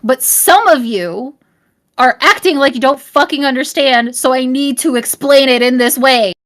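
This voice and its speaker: A young adult woman live-streaming, talking straight to her chat in a blunt, profane, rambling rant, at times shouting and often apologizing. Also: sits high, moderate pace. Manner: profane, blunt, swears constantly. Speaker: livestreamer.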